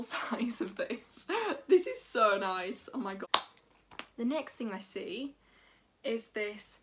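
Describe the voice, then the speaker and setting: A teenage girl, gushing and giggly as she chats through a beauty unboxing. Her voice sits a little high for a woman, and she talks in a casual, bubbly way. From England, North Yorkshire. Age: teens. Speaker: beauty vlogger.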